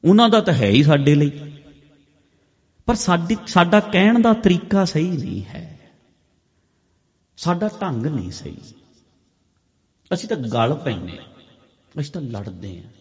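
A man giving a sermon-style talk to a camp audience, repeating phrases for emphasis and swinging between loud and soft. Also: a little high, big pitch swings, measured pace, long pauses. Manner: repetitive, emphatic phrasing with big swings in loudness. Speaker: speaker at a meditation camp. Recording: long hall reverb, dull lo-fi sound.

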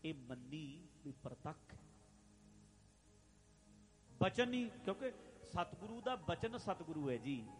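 A man preaching a religious sermon, addressing listeners directly, repeating phrases and chanting scripture lines slowly. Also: on the high side, big pitch swings, faint music behind. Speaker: Sikh preacher.

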